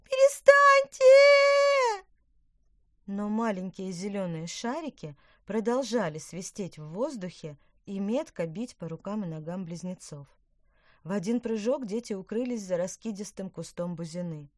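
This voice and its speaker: A woman narrating a children's storybook aloud in an animated, expressive way. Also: mid-range voice, normal speed, dry recording, studio quality. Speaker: audiobook narrator.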